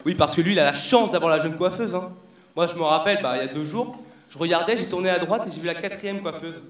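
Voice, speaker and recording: Casting: brash young male stand-up comic, high voice, roomy stage sound. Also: slight background noise. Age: young adult. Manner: brash, slangy, crowd-addressing. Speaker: stand-up comedian. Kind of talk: stand-up comedy routine. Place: stage before a live audience.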